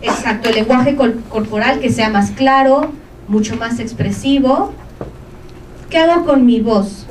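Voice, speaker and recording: A woman's voice: a little high, measured pace, darkish tone, slight background noise. Woman presenting in an echoey room. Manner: keeps checking in with the audience with short questions. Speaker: presenter of an information session. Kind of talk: informative talk to a live audience. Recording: echoey room from a distance, faint ambience.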